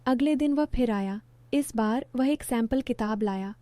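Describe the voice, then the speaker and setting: Female storyteller, higher pitch, warm mellow timbre, steady scripted narration. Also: moderate pace, no echo.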